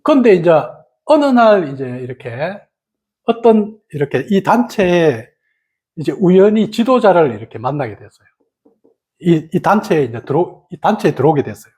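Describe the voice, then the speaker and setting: A meditation teacher telling a story in a dharma talk, animated and full of fillers. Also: normal speed. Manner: animated storytelling, many fillers, sudden pitch leaps.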